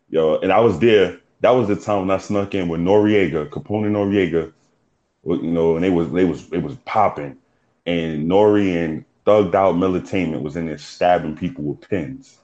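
A man's voice: deep voice, normal speed, a little mellow. A middle-aged man with a Bronx New York accent, chatting casually and telling stories in street slang. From New York City. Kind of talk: casual chat. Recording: dull lo-fi audio.

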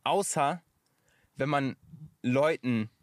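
Podcast guest, male, thoughtful and searching, even middle pitch, dry close mic. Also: takes it slowly, dry recording. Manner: reflective, searching for words. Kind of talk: casual podcast chat.

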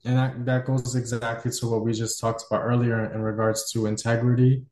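A man's voice: medium pitch, level tone, a little fast, a little mellow, echoey room. A man hosting a podcast, musing at length in casual conversation with many fillers. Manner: reflective, loosely structured, many fillers. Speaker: podcast host.

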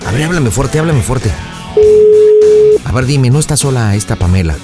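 A man's voice: medium pitch, expressive, over loud music. A male radio host directing a prank call and coaching his callers on what to say. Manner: bossy, coaching callers with quick instructions.

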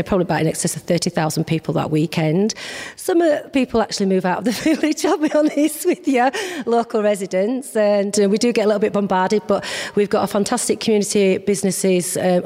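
Female interview guest, Yorkshire accent, lowish pitch, chatty with frequent ums, long hall reverb. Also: a little mellow. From West Yorkshire, England. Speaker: interview guest, local events organiser. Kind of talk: conversational interview. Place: large old schoolroom, indoors. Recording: long echo of an old hall.

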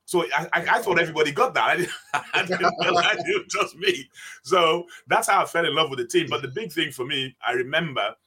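A man's voice: on the high side, a little fast, bright, forceful tone, a little hiss or hum. A man in his sixties, guest on an interview podcast, telling stories and often laughing as he talks. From England. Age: 60s. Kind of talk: casual interview.

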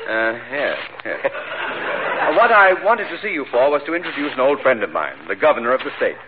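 A man's voice: mid-range voice, big pitch swings, normal speed, crowd noise, close to an everyday voice. A man playing a courtly, flustered town mayor with formal, hesitant politeness in an old radio comedy. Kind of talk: 1940s radio comedy acting. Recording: tinny noisy old radio broadcast.

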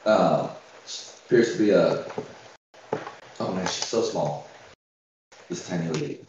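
A man running a tabletop game as game master, narrating casually with halting, informal, folksy phrasing. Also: low voice, noisy background. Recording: roomy, dull, distant from mic.

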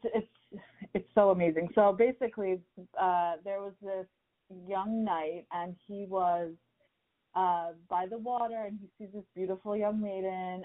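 A woman hosting an interview podcast, chatty and full of fillers as she tells stories and asks questions. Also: lowish voice. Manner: chatty, filler-heavy, storytelling. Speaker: podcast host. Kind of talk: casual interview chat. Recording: tinny phone-like sound.

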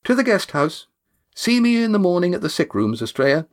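A man reading a story, voicing a brisk young woman giving quick orders. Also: on the low side, big pitch swings, voice pushed up. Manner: brisk, commanding.

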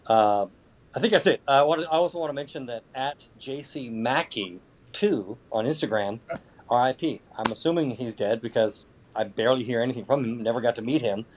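A man's voice: mid-range voice, brisk, a little hiss or hum. A man chatting casually as a podcast guest, sarcastic and foul-mouthed, with mock boasting. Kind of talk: casual chat.

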